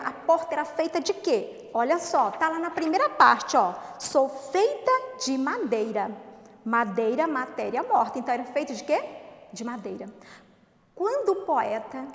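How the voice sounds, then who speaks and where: Woman teacher coaxing children, echoey room. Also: high-pitched. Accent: Brazilian Portuguese. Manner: slow, coaxing, asks questions and answers them herself. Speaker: primary school teacher. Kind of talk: recorded remote lesson for children. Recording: echoey room with long reverb.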